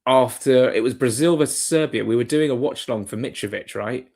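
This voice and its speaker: A man's voice: mid-range voice, fairly quick, vocal fry, a little mellow. A man hosting a live football watchalong, giving chatty, rambling play-by-play with asides to his viewers. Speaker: watchalong host. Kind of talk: live match commentary and chat.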